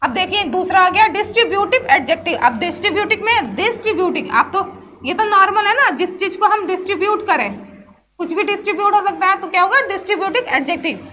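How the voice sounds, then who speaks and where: A woman's voice: extremely high pitch, lively intonation, fast talker, sharp tone. A woman teaching English grammar in a chatty class lesson, often asking herself questions and answering them. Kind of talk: explanatory class lesson mixing Hindi and English.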